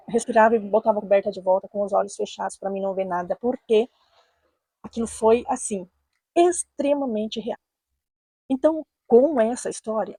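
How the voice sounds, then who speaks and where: A Brazilian woman with a Brazilian Portuguese accent, telling a true personal story in an earnest, measured way and repeating phrases for emphasis. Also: medium pitch, creaky, warm tone, slightly rough, dry recording. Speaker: storyteller, channel host.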